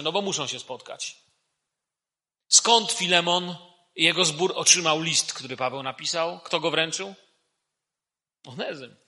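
A man preaching a sermon, asking the congregation lively rhetorical questions. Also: a little high, in a large hall.

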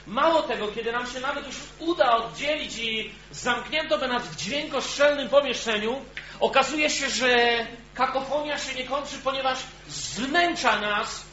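A man's voice: very high-pitched, pushed and bright. A man preaching a sermon to a gathered congregation, speaking earnestly and asking his listeners direct questions. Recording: echoey, dull sound with faint hum.

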